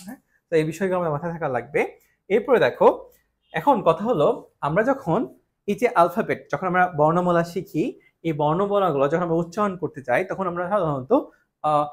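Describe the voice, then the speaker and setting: A young man teaching an English grammar class, explaining step by step, mixing English words into his talk and often asking his students questions. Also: high voice.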